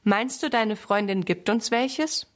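A woman's voice: a little high, slow pace. A woman voicing an eager, impatient little boy in a children's story.

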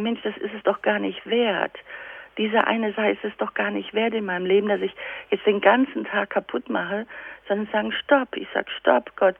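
A woman speaks as a guest on a radio program, her voice coming through a thin, phone-like line with a dry, close sound. Her tone has a gravelly edge. She tells stories with energy and plays both sides of the conversations she describes. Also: medium pitch, dry recording. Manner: lively storytelling, acts out dialogues. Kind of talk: radio interview.

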